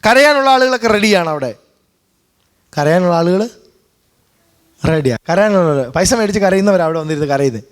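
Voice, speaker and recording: A man's voice: high-pitched, animated, moderate pace, long pauses. A man preaching a sermon as pastor, with a Malayali accent, switching between two languages and punctuating his points with hallelujahs and amens. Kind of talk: bilingual sermon.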